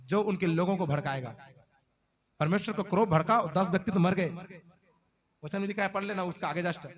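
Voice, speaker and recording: A pastor preaching a sermon, dramatic, sometimes shouting warnings and calling out hallelujah. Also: male voice, high voice, brisk.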